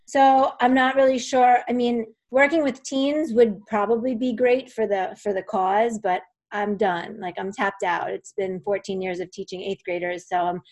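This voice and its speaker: A woman's voice: medium pitch, steady tone, moderate pace, hardly any pauses, a little mellow. A middle-aged woman asking for advice on a coaching call, hesitant and unsure. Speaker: coaching client. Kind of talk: casual chat.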